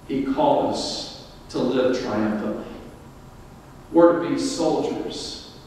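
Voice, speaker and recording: A man's voice: mid-range voice, slow pace, a little mellow, slight background noise. A male pastor delivering an emphatic sermon in a church, his voice climbing on the key points. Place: church sanctuary. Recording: echoey church hall, mic far off.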